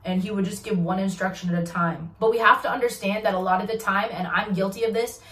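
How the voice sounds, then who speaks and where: A woman giving a casual testimony vlog, telling her story in an animated, slangy way. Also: mid-range voice, quick pace. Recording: roomy echo, distant mic.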